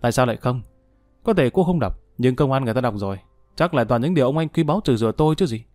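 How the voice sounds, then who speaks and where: A man's voice: medium pitch, lively intonation, racing, darkish tone, no room sound, soft background music, natural voice. A man voicing a bitter, remorseful male prisoner in an audiobook, weary and self-pitying.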